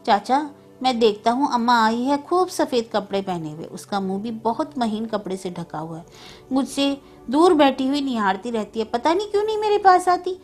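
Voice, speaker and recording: A woman's voice: on the high side, expressive, moderate pace, soft background music. A woman voicing a small boy grieving for his dead mother, pleading and insistent.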